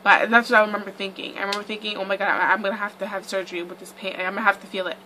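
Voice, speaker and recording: Bright-voiced young woman vlogger. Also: medium pitch, little pitch movement, racing, a little hiss or hum, low-quality recording. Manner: chatty, rambling, lots of "like" and "um". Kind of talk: casual storytime.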